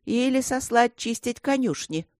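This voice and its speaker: A woman's voice: fairly high pitch, expressive, measured pace, darkish tone, no echo, studio quality, voice pushed up. Woman doing an imperious cold queen. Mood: stern. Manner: commanding, clipped.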